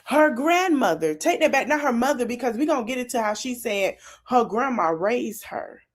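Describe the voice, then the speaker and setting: A woman's voice: on the high side, moderate pace. A woman hosting a podcast, chatting casually and animatedly. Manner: animated, laughs, acts out quotes. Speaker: podcast host. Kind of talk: casual commentary chat.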